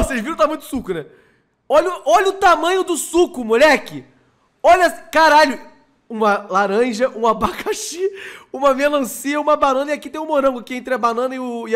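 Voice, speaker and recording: Rio-young man, host, high voice, excited slangy storytelling with lots of swearing. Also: fairly quick. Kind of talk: casual storytelling.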